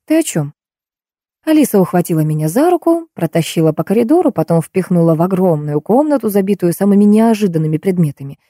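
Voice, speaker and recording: A woman narrates a first-person audiobook in a steady storytelling manner. Her voice is low-set and mellow. It is recorded close on a dry studio mic. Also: fast, few pauses, no room sound.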